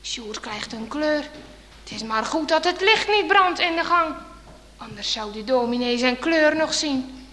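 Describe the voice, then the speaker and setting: A woman reading a children's story aloud in an expressive, suspenseful way. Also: high-pitched, a little slow, in a large hall.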